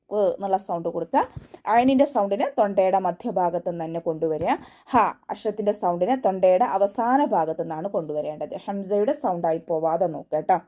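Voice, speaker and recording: Patient woman teaching Quran recitation. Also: medium pitch. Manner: patient, step-by-step instruction, often ending with a soft "tto". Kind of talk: online tajweed lesson, explaining pronunciation and reciting verses.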